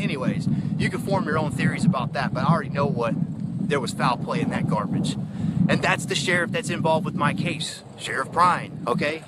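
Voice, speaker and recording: A man's voice: fairly high pitch, heavy background noise. A man ranting in an emotional phone livestream, heated and accusatory, rambling with many asides. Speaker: citizen activist livestreaming.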